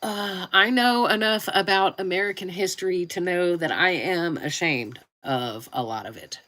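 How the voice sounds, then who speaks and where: A woman's voice: lowish voice, normal speed, sharp tone. A woman with a nasal, congested voice, chatting informally and in a rambling way as she hosts a casual live stream. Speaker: live streamer and YouTube creator.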